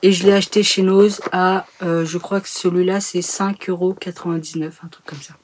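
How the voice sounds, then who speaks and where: A woman's voice: on the low side, little pitch movement, normal speed, a little mellow, slight background noise. A woman reviewing two sewing books in a casual vlog, chatty and hesitant, with many fillers. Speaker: sewing YouTuber. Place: home sewing room.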